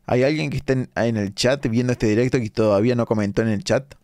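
A young Argentine man with a Rioplatense accent and a medium-pitched voice talks casually through a late-night game stream. He reads viewer comments aloud and keeps up a chatty stream of asides. The sound is dry and close, with no room echo. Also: quick pace, darkish tone. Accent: Rioplatense Argentine Spanish. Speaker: live-streaming gamer. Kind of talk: casual live-stream commentary reading chat.

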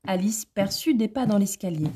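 A woman narrating a storybook aloud at a library in a calm, expressive way. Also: medium pitch, moderate pace, slight background noise.

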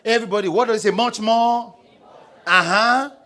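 A young man with a Nigerian English accent preaching a sermon on a church stage into a handheld mic, calling on the congregation to read along and answer back. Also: moderate pace. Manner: call-and-response preaching, prompting the congregation to read aloud; paces the stage, swings between loud emphasis and low asides. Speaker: pastor. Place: large church auditorium stage.

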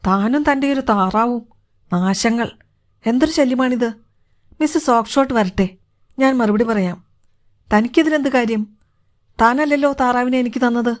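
Brief: woman narrator playing a short-tempered male dealer, brusque and scolding, fairly high voice. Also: moderate pace, long pauses, natural voice. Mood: annoyed. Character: irritable, gruff male market dealer.

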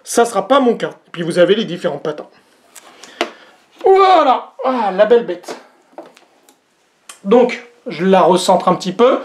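A vlog host with a mid-range voice talks at a moderate pace over slight background noise. Reviewing a product in a casual unboxing demo, they address viewers directly, hesitate with plenty of fillers, and joke about their own English accent.

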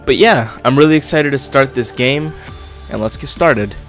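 With faint music behind him, a young gaming YouTuber talks at a moderate pace in a mid-range voice through a casual let's-play. He's on the way back from being sick, sounding a bit congested, with a swollen lip.

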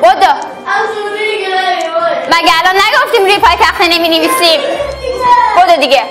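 A woman schoolteacher teaching young children, calling out loudly and scolding. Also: extremely high pitch, recorded from a distance. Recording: classroom noise with music over it.

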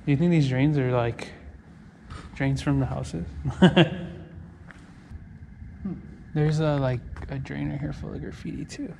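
A man's voice: fairly high pitch, steady tone, a little slow, gravelly, long pauses, warm tone. A man exploring an abandoned powerhouse at night, casually asking questions and laughing easily. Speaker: urban explorer. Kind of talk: casual chat while exploring. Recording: handheld camera audio with noise.

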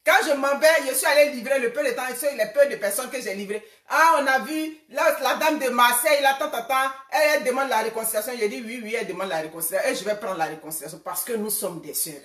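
A woman's voice: fairly high pitch, quick pace, few pauses, fairly bright tone, roomy sound, recorded from a distance. A woman in her forties speaking casually to another woman, retelling past exchanges and calling for reconciliation. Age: 40s. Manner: conversational, retelling quoted exchanges. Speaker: social media personality. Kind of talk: casual personal address to a rival.

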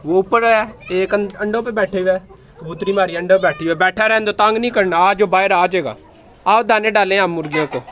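A man, filming his rooftop chickens on a handheld phone and gently guiding children as they feed the birds. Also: sits high, a little fast, highs cut off. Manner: gentle, instructive, often coaxing the children. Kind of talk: casual narration while filming, talking to children. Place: outdoor rooftop with chicken coops. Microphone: handheld phone camera, first-person.

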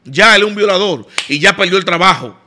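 A Dominican man argues his point on a panel show in a high, bright voice. He presses hard, repeats his phrases and cuts in on others. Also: expressive, brisk. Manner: emphatic, repeats himself, interrupts. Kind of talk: heated panel debate.

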